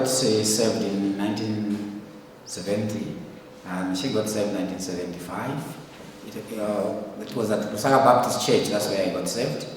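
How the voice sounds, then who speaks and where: An older Zambian man, a ministry leader, gives a church report in a hesitant, informal way, with many fillers and restarts. His voice is lowish, with a little hiss or hum. The church hall is echoey and the mic sits at a distance.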